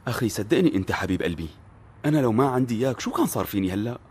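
A man's voice: mid-range voice, lively intonation, racing, darkish tone, a little hiss or hum, lightly acted. An actor with a Syrian accent playing a fretful, defensive middle-aged divorced father who talks over others and protests. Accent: Syrian Arabic.

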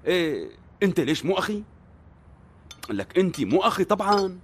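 A man's voice: high voice, very animated, brisk, slight background noise. An actor with a Syrian accent playing a fretful, defensive middle-aged divorced father who talks over others and protests. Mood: flustered. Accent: Syrian Arabic.

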